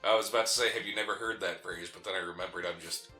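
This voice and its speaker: His voice is low and steady but rapid-fire, bright and forceful as he co-hosts a gaming let's play. The talk is casual game commentary full of joking and teasing. City-born with mountain family roots, he's heard in a roomy echo over faint game music.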